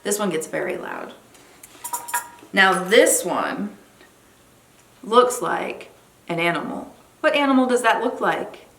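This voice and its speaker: A woman's voice: medium pitch, wildly swooping pitch, takes it slowly, vocal fry, pauses often, a bit bright. A woman leading an interactive lesson for young children in an encouraging, sing-song kindergarten teacher voice. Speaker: children's library program presenter. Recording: roomy echo, faint background noise.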